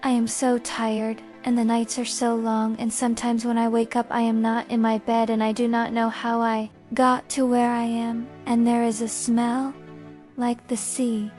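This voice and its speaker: Woman playing a weary, haunted young woman, high-pitched. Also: monotone, normal speed, darkish tone, natural voice. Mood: exhausted, entranced. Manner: drained, dreamy. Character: weary, haunted young woman falling under a vampire's spell. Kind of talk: horror audio drama monologue. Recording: music behind the voice. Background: music.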